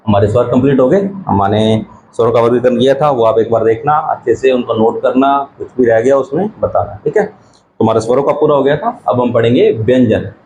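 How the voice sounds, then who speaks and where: A man's voice: medium pitch, dark tone, slight background noise, poor audio. Man teaching grammar with a lilt. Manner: asks questions and answers them himself, repeats key terms slowly. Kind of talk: exam-prep lesson.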